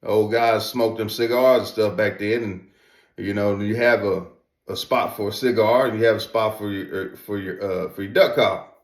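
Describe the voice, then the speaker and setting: A man with a fairly low voice presents a product in a casual, folksy style. He leans on his points and repeats phrases for emphasis. The sound is noticeably roomy and echoey. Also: fairly even intonation, moderate pace. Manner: emphatic, repetitive, folksy informal talk. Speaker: presenter reviewing duck calls. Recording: roomy echo.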